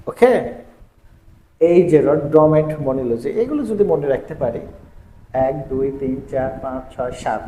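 A man teaching English grammar in a video lesson, going through word lists in a steady, repetitive rhythm. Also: fairly high pitch. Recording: echoey room with faint ambient noise.

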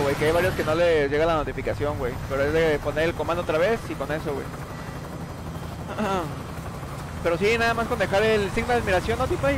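A man's voice: on the high side, background noise. Slangy Mexican man streaming a shooter. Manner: slangy, chummy, thanks viewers by name. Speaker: game streamer. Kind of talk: casual live-stream commentary. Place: home gaming setup. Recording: loud in-game gunfire behind voice.

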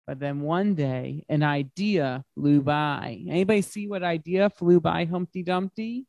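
A guest reader at children's story time, a man, reads a picture book aloud expressively in a large glass-walled library room, speaking slowly with simple, emphatic phrasing and asking the listening children questions. His voice is fairly high, gravelly and darkish in tone. There's no echo, and the highs are cut off.

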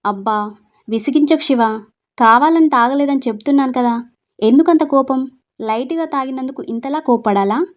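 Drunk young husband, coaxing and slurry, a woman reading his lines, kinda high for a guy. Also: moderate pace, lightly acted. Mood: irritated.

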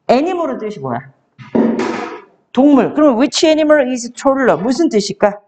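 A young woman teaching a child one-on-one in a patient, coaxing way. Her pitch swings widely as she encourages the child, and she speaks slowly, drawing out each sentence she reads aloud. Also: big pitch swings, darkish tone, a little hiss or hum. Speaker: tutor.

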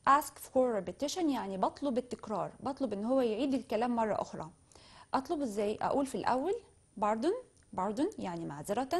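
A woman with an Egyptian Arabic accent teaching English vocabulary, speaking slowly and carefully when she models the English phrases and more quickly when she explains them. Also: a little high. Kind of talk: classroom lesson explaining vocabulary.

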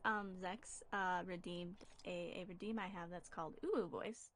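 A woman's voice: fairly low pitch, moderate pace. Playful young woman streaming a game. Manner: playful, excitable commentary. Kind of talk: livestream gaming chat.

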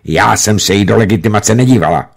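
A man voicing a stern, prim older nurse. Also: on the low side. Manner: stern, curt, croaking.

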